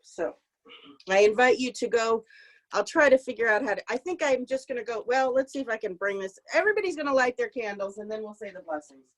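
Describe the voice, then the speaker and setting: A woman's voice: on the high side, lively intonation, brisk, rough recording. A woman leading Shabbat services over a video call, speaking heartfelt and emotional, close to tears. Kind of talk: heartfelt spoken Shabbat reflection. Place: home meditation and prayer room.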